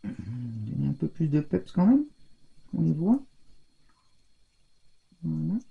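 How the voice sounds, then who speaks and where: A woman's voice: low voice, big pitch swings, slow, creaky, slightly rough. An older woman chatting casually through a scrapbooking tutorial from her home craft room, thinking aloud as she works. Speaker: scrapbooking vlogger. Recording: dull lo-fi sound.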